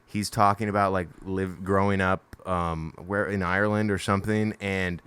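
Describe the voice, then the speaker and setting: A man's voice: deep voice, little pitch movement, moderate pace, a bit bright, smooth. A man co-hosting a comedy podcast, telling stories with many hesitations and fillers. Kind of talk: casual comedy podcast chat.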